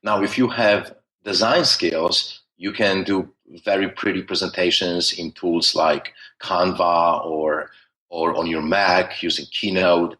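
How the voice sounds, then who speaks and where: A man from Poland with a thick Polish accent talks at length as a guest in a conversational podcast interview, often restarting and using many fillers. His voice sits low but sounds bright, with a forceful tone. The recording quality is low.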